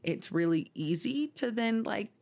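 A woman in her twenties from Texas co-hosts a podcast, chatting casually in a medium-pitched, expressive voice that is gravelly, a little mellow and a little slow. She's giggly and talkative, laughing often.

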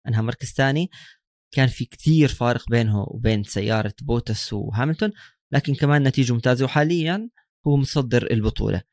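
A man's voice: medium pitch, no room sound, clean studio sound. A man with a Levantine Arabic accent giving casual sports commentary as a co-host in a discussion. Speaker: motorsport podcast co-host.

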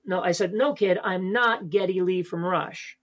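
A male stand-up comedian with a high, slightly bright voice talks at normal speed as a podcast guest. He chats casually and rambles, filling his speech with fillers and restarts.

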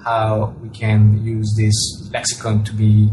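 A man from Italy, an astronomer and author, responds to interview questions slowly and with a completely flat delivery, his voice on the low side. He has an Italian accent and tends to repeat words as he searches for phrasing, and the low-quality recording carries crowd noise.

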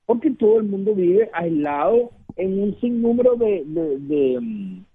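This political consultant from Venezuela has a high-sitting, gravelly voice with some breathiness, and he takes his time. Calling in to a radio interview as a guest, he speaks earnestly in a Venezuelan Spanish accent, repeating himself and asking rhetorical questions, all over a muffled phone line.

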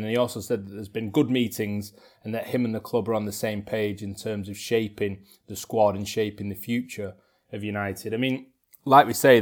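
Man, lowish voice, podcast host, casual football talk. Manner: relaxed, summarising points then handing over by name. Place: room shared with co-host.

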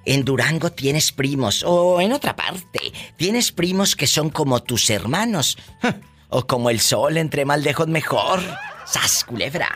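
Bright, flamboyant Mexican male radio host. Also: a little high, animated, measured pace, faint music behind. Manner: flamboyant, gossipy, teasing, laughs often. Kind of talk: campy call-in radio chat.

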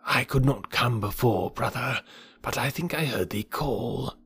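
Storybook python, ancient and huge, coolly menacing: hissing, very husky whisper with gravelly creak. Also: male voice, mid-range voice, fairly bright tone, exaggerated voice. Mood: cool, commanding. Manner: slow, drawn-out, deliberate speech. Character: huge old male python, slow, coolly menacing hunter.

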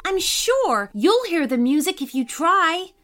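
A woman's voice: very high voice, very animated, measured pace, a bit bright, pitched above the performer's own voice, heavily acted. A woman voicing a cheerful, dreamy little girl who earnestly insists the stars sing. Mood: dreamy, insistent.

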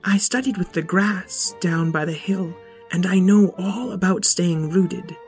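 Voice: mid-range voice, measured pace, soft background music, pitched above the performer's own voice, natural voice. A storyteller voicing a young female rabbit, speaking eagerly and earnestly in a raised voice.

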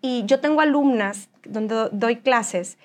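A woman with a Mexican accent, speaking as an interview guest and telling her personal story in an animated way. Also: a little high, takes it slowly. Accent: Mexican Spanish. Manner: animated, acts out other people's lines. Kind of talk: candid conversational storytelling.

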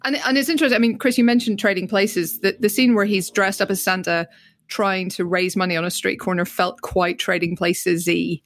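A woman's voice: mid-range voice, fairly even intonation, a little fast, no room sound. A woman from Northern Ireland chatting casually about films as a podcast co-host, wry and teasing. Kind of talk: casual film discussion.

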